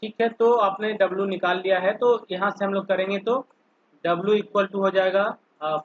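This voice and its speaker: A man with a high-pitched voice teaches engineering online as a polytechnic lecturer, captured in lo-fi sound. Moving slowly through each step, he keeps students involved by asking them questions again and again.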